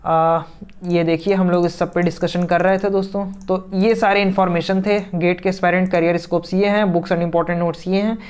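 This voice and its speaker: Smooth-voiced young man giving exam advice. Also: sits high, little pitch movement, normal speed. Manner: chatty, advising, keeps saying 'friends' and 'right?'; mixes English words and phrases into Hindi. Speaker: exam coaching teacher. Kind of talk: online exam-prep lesson.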